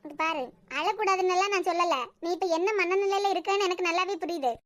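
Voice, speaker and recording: A woman's voice: extremely high pitch, steady tone, quick pace. A woman voicing a blunt, protective young friend in a cartoon series, lecturing firmly with a Kanyakumari Tamil accent. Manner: firm, lecturing.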